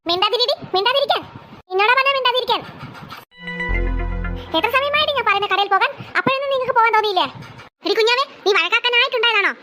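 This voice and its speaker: A woman's voice: very high-pitched, fast talker, pauses often, music in the background. A woman voicing an exasperated mother of two girls in a cartoon, nagging and scolding. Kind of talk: cartoon voice acting.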